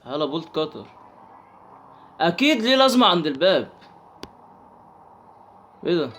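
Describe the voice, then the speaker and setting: Jumpy Egyptian gamer with a lively voice. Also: male voice, a little high, normal speed. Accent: Egyptian Arabic. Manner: jumpy, talks to himself and the game, yelps when startled. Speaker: gaming channel host. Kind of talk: horror game let's play commentary.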